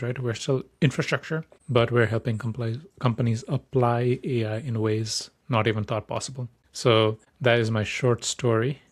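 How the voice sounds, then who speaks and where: Young male podcast host from Nepal, mid-pitched, eager, talks in quick bursts with frequent self-corrections. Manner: upbeat, enthusiastic, restarts words often. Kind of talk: solo podcast monologue.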